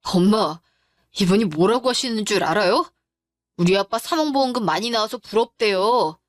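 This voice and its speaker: A woman's voice: medium pitch, animated, normal speed, no room sound, clean studio sound, lightly acted. A woman voicing a grieving young adult daughter who speaks tearfully but firmly and stands her ground in a dramatized story. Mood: upset. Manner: tearful but firm and confrontational.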